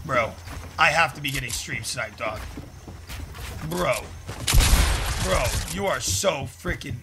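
A man's voice: mid-range voice, animated, slow pace, vocal fry, noisy background. A young man streaming a video game as a raging gamer, slangy and exasperated, complaining to his chat as he plays. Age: young adult. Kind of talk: live gameplay commentary with slangy chat to viewers. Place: small room at home.

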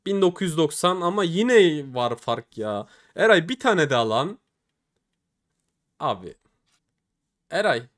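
A man's voice: mid-range voice, a bit bright. A young man commenting casually on opening game cases, often pleading and groaning at the results. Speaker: case-opening streamer.

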